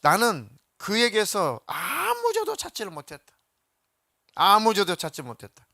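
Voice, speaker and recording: Male preacher doing a loud, mocking governor, sneering, a touch higher, dry sound. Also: huge pitch swings, unhurried, vocal fry, no echo, heavily acted. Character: scornful Roman governor, sneering at the crowd.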